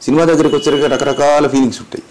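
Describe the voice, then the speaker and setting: A man's voice: on the high side, fairly even intonation, very fast, darkish tone. A middle-aged man, a mimicry artist answering in an interview, emphatic and lecturing, asking and answering his own questions. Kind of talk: interview, explaining.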